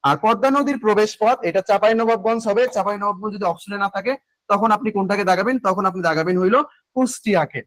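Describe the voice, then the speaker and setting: A young man teaches a live online class in a fairly high voice. He repeats facts slowly, poses questions and answers them himself. The sound is close and dry. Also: a bit bright, no room sound, low-quality recording. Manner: repeats key facts slowly for note-taking, asks and answers own questions. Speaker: online admission-coaching teacher.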